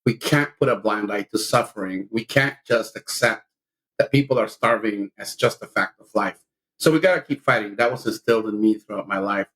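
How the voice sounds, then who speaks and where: A man's voice: on the low side, a little fast, fairly bright tone, rough recording. A middle-aged man from El Salvador, a union leader speaking as a guest on a podcast with earnest conviction. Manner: earnest, impassioned about justice. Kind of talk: podcast conversation.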